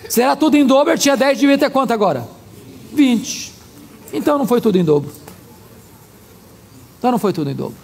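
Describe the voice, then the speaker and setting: High-pitched gravelly preacher. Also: male voice, fast, pauses often, long reverb tail. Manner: animated, humorous storytelling preacher. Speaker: pastor. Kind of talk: sermon.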